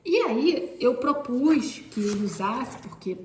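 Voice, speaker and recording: A woman's voice: fairly high pitch, lively intonation, slow pace, darkish tone, roomy sound, slight background noise. A woman teacher, explaining classroom activities step by step and often pointing things out. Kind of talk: instructional explanation.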